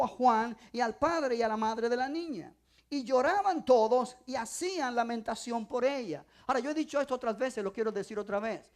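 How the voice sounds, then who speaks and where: Woman preacher, high and really animated, repeats herself, builds to loud declarations in church. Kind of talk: sermon.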